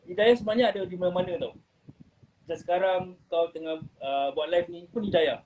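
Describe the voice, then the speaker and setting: A man's voice: high voice, fairly quick, darkish tone. A man telling his life story in an earnest, rambling way, dropping in English phrases. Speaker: guest. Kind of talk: casual personal testimony. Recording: muffled recording with faint noise.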